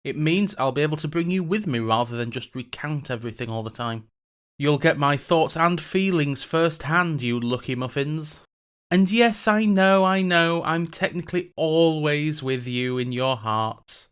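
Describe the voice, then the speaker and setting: With a wry mood, this podcast host performs as a reluctant mage presenting a tourism show, his scripted comedy laced with dry sarcasm. The man's voice is a little high, a bit bright and smooth, animated, at a moderate pace.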